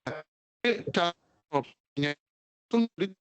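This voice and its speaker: A man's voice: high voice, expressive, takes it slowly, no echo. A man moderating an online Q&A, polite and careful, his voice glitching and cutting out over a bad connection. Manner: courteous, carefully confirms questions. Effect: choppy audio breaking up over a bad connection.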